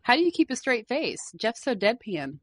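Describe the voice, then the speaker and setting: A woman's voice: a little high, very animated, moderate pace, no room sound. A woman interviewing an actor in a chatty, enthusiastic way. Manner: chatty, enthusiastic fan questions. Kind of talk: casual interview chat.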